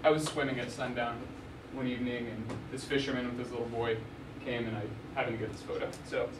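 Heard from far off in a university lecture hall, a young Arizona man, a journalist giving a talk, runs through slides casually. He talks fast at a medium pitch with fairly even intonation, often saying um and starting over. The distant room mic makes it echoey and noisy.

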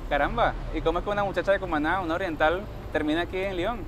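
A man interviews someone outdoors, firing off friendly questions at a quick clip. Clear traffic and street noise sit behind his voice. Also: high-pitched. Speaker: interviewer, host.

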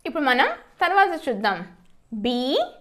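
A woman teaching English spellings step by step, spelling out letters and then saying each word loudly and drawn out, asking questions and answering them herself. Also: high-pitched, expressive, brisk. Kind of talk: slow step-by-step spelling lesson.

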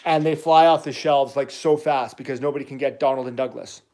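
A man in his thirties hosting a toy livestream from his family home, rambling and chatty with quick asides to viewers. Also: medium pitch, fairly even intonation, darkish tone. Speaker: toy channel host. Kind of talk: casual livestream chat.

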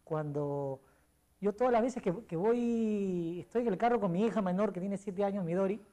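A man's voice: sits high, moderate pace, warm tone. A middle-aged man with a Peruvian accent, a sports columnist telling rambling stories as a guest in a casual interview, full of fillers and restarts. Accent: Peruvian Spanish. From Peru.

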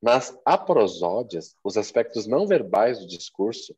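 A man talks through exam questions, animated and full of examples. His voice sits low and husky. The recording sounds dull and lo-fi. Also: a little slow. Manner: animated, explains with examples and asides. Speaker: exam prep instructor. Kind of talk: explanatory discussion of exam questions.

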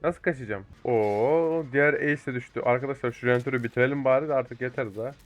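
Young guy yelling at his teammates while he plays, excitable, cusses a lot, faint music behind. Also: medium pitch, fast. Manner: excitable, swears, talks to teammates and viewers. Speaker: gaming YouTuber. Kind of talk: live gameplay commentary.

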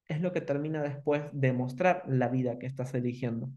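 A man with a Rioplatense Spanish accent teaching an online masterclass, animated and repeating questions with emphasis. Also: mid-range voice, a little fast, muffled recording.

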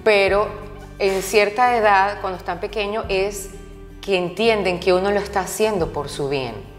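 A woman guest tells her stories in a candid, conversational way, leaning on repeated words for emphasis. Her voice sits at an ordinary middle pitch. The room rings with a long, roomy echo, and soft music plays underneath. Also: moderate pace. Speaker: interview guest. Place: interview set.

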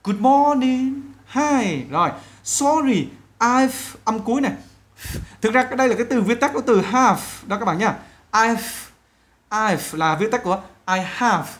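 A woman teaching an online English lesson, with a voice of medium pitch. She talks in a chatty way straight to her viewers. She stops often to say English phrases slowly and clearly for learners to repeat. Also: fairly bright tone. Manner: addresses viewers directly and often.

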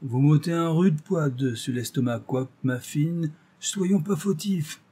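A man voicing a gruff rustic market gardener with a drawling country way of talking. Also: a little high, unhurried, mellow, voice pushed up. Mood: relieved.

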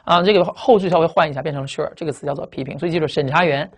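Fast-talking male vocabulary teacher. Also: fairly high pitch. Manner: lively, asks the class questions and answers them himself; reads English words slowly and spells them out. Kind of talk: recorded classroom lecture.

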